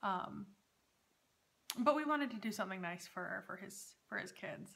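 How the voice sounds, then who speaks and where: Speaking from her home dining room, this knitting podcast host, a woman in her thirties, talks in a casual, hesitant vlog style. Her medium-pitched voice is expressive and creaky, a little bright, and never rushed.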